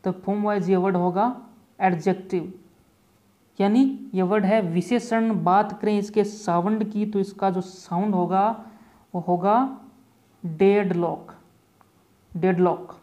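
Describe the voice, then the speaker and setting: A man's voice, sitting high and a little mellow with fairly even intonation, guides listeners through exam-prep vocabulary. He takes each word slowly, repeats points, and blends English terms into Hindi.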